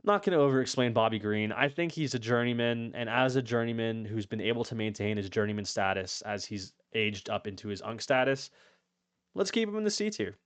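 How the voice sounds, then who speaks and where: A man's voice: lowish voice, a little fast, few pauses, clear, resonant tone, dry recording. A man giving casual, opinionated commentary on fighters, talking in a rambling way with lots of swearing and restarts. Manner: rambling, profane, frequent restarts. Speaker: YouTube MMA commentator.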